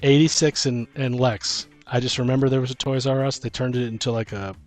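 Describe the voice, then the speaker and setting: This dungeon master on a casual tabletop gaming podcast has a mid-range, steady voice and talks a little quickly. He co-hosts with music behind him, wandering through his thoughts out loud.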